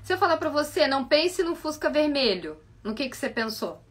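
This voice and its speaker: A woman with a Brazilian Portuguese accent, a psychoanalyst giving a reflective live-stream talk full of animated rhetorical questions. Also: sits high, fairly quick. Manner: asks many rhetorical questions, animated and coaxing.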